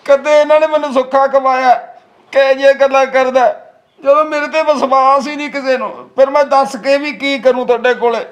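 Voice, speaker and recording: A man's voice: very high-pitched, muffled recording. An actor playing a frightened young village man, crying and pleading, with a Malwai Punjabi accent. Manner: tearful, pleading, halting. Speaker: nephew in a family drama. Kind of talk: web series acting.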